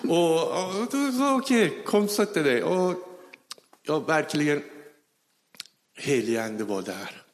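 A man telling his personal conversion story, animatedly acting out the dialogue, with halting, non-native phrasing. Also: fairly high pitch, animated. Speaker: testimony speaker. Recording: reverberant hall.

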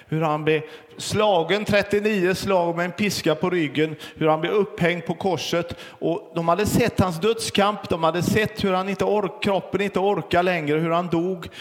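A middle-aged man preaching a sermon as pastor, earnest and storytelling, with pauses and fillers. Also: sits high, in a large hall.

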